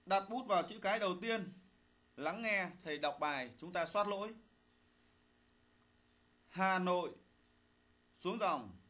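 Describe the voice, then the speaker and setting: A man teaching primary school, dictating a spelling lesson slowly, phrase by phrase. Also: high-pitched, animated, a bit bright. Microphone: voice-over recorded for a slide video.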